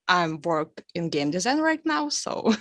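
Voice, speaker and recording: A woman from Russia gives a slow self-introduction on a video call, laughing nervously between phrases. Her voice is fairly low and very dry and close. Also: very animated, fairly bright tone, no echo. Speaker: architect working in game design.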